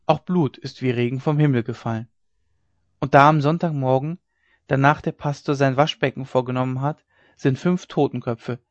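A man's voice: medium pitch, dry recording, lightly acted. Man doing an out of breath gossipy farm girl, raised voice, dry lo-fi sound. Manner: breathless, hushed when telling secrets. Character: excited gossiping young farm maid.

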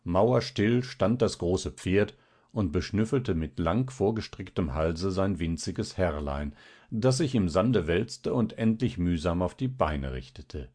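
A man reading a classic literary tale aloud in a measured, expressive way. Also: low-pitched. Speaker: audiobook narrator. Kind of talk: literary audiobook narration.

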